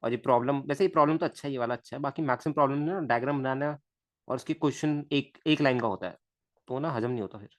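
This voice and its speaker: A man's voice: mid-range voice, quick pace, no room sound. A man teaching a live online physics class, chatting to his students and muttering to himself while he draws.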